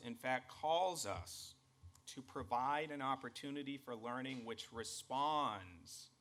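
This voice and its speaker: A man's voice: medium pitch, pushed and bright. A man with a Boston accent delivering a formal, earnest address to college staff as its president. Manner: measured, emphatic, earnest.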